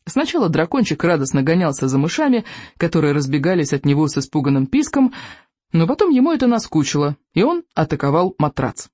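Lively expressive audiobook narrator. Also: medium pitch, quick pace, breathy edge, no echo. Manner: expressive storytelling. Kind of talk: audiobook reading.

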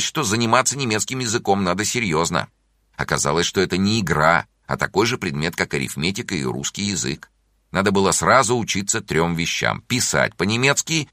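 Deep-voiced man narrating a children's story. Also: no echo, clean studio sound. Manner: expressive, playful storytelling.

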